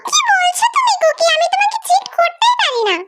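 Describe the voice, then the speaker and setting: A woman doing a comedic fan dub, playing several characters in a quick, teasing, bickering way. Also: very high voice, expressive, very noisy.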